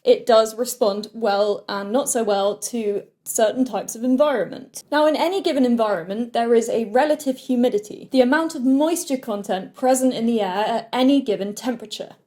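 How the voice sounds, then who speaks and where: A woman's voice: fairly high pitch, normal speed, hardly any pauses, darkish tone. Chatty British woman explaining guitar making. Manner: chatty, light joking asides. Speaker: guitar maker. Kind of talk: explainer video lesson.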